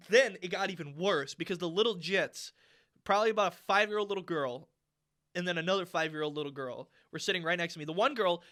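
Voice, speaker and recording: A young man with a high, bright voice co-hosts a podcast. He tells his story in an animated, exasperated way, swearing freely as he rants. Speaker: podcast co-host. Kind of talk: casual storytelling rant. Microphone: podcast mic.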